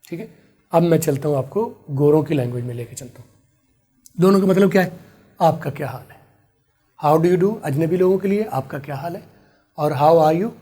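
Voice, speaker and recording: A man teaching an online English lesson, his voice dark and a little husky. He explains patiently and drills each phrase over and over, writing as he talks. He speaks a shade higher than most men. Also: fairly quick, long pauses. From Pakistan. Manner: writes on a board while explaining.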